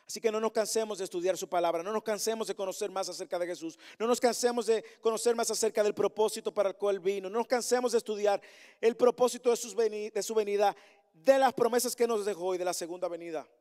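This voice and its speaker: A man preaching a sermon as pastor to his congregation, with insistent repeated refrains and questions, swinging between emphatic calls and soft, earnest asides. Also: high-pitched, fast talker, clean tone. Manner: repetitive rhetorical refrains and direct questions to the congregation. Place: church meeting hall with a congregation. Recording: long hall reverb.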